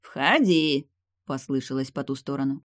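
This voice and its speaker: A man reading a dramatic novel aloud in first person, in a measured audiobook style. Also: fairly high pitch, darkish tone, no room sound, clean studio sound. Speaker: audiobook narrator. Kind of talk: scripted first-person narration.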